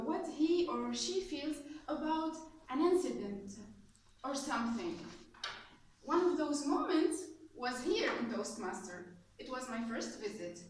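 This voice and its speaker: Young woman from Tunisia, high animated voice, prepared club speech, distant mic. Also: a little hiss or hum. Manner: animated, laughing often, with fillers and restarts. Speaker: club speaker. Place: meeting room with audience. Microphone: far camera. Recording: echoey room from far off.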